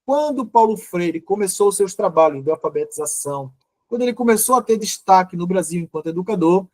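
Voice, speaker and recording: A male teacher giving a live online lecture, explaining step by step with frequent restarts and pauses. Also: high voice, animated, a little mellow, no room sound.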